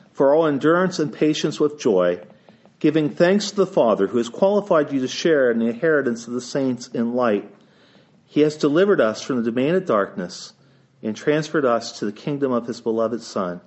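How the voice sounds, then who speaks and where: Male preacher, Appalachian twang from Eastern Ohio, voice with a cold, solemn measured delivery, medium pitch, dull recording. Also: darkish tone. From Eastern Ohio, United States. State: has a cold. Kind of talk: sermon with scripture reading and prayer. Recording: dull, band-limited sound.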